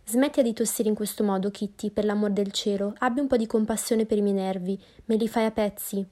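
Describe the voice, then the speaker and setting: Fussy, shrill mother, as a woman narrator reads her. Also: fairly even intonation, a little fast, dark tone, lightly acted. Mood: peevish. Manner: shrill and complaining. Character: fussy, excitable middle-aged mother. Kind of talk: audiobook character voice.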